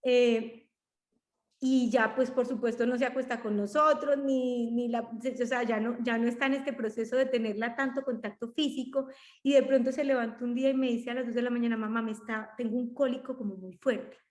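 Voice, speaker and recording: A woman's voice: a little high, fairly even intonation, a little fast. A Colombian woman in her forties, a talkative podcast co-host, reflecting in casual conversation with many restarts. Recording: roomy echo.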